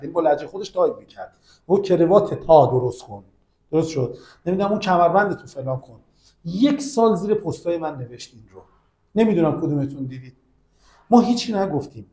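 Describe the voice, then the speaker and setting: A man's voice: on the high side, mellow, roomy sound. A man, a podcast guest, earnestly retelling a long grievance in conversation. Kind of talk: conversational storytelling.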